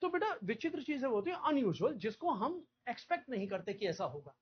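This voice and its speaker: A man from India teaching a vocabulary lecture, repeating key words and checking understanding with quick questions. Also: very high-pitched, sing-song, breathy edge, highs cut off.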